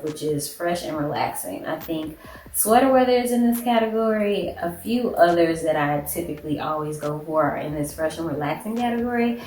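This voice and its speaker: Woman vlogger, lowish voice, stuffy nose, rambling casual haul chat; echoey room, faint noise. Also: a little mellow. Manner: chatty, rambling, lots of "like". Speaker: beauty and shopping vlogger.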